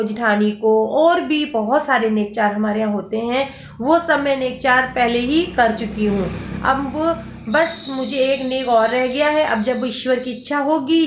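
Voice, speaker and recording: A woman with a high, bright voice talks through a casual home vlog. She speaks in a homely, explanatory way and counts each item aloud. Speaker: cooking channel host.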